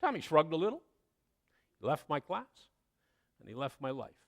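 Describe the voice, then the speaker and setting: A man preaching a sermon, telling a story with expressive delivery and dramatic pauses. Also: a little high, vocal fry. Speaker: pastor.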